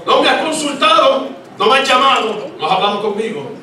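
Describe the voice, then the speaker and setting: A man's voice: extremely high pitch, lively intonation, fairly quick, heavy reverb, far from the mic, crowd noise, pitched above the performer's own voice. A man preaching in the voice of God, asking reproachful, pleading questions.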